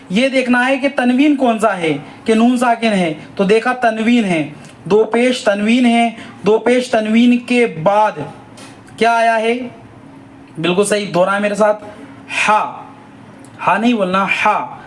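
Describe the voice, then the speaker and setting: A man teaching Quran reading, drawing out each letter sound slowly in a sing-song way, then explaining briskly. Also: extremely high pitch, poor audio. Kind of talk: slow spelled-out recitation lesson.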